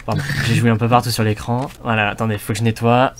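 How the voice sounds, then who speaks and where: A man's voice: on the low side, flat delivery, quick pace, background noise. A young man, streaming a game, joking with a friend and chatting politely to other players in role-play. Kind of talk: casual gaming chat and in-game role-play.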